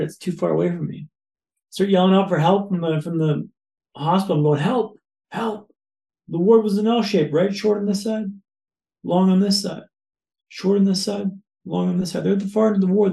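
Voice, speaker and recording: A man's voice: sits high, gravelly, warm tone, reverberant. A man, a podcast guest, telling a personal story in vivid, repetitive phrases with punchy lists. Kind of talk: storytelling in an interview.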